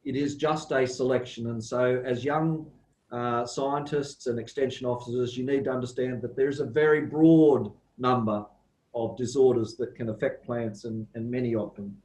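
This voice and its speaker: A man with an Australian accent giving a slow, measured guest lecture over a video call, pausing often with ums. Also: medium pitch, steady tone, a little mellow, roomy sound, rough recording. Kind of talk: online academic lecture.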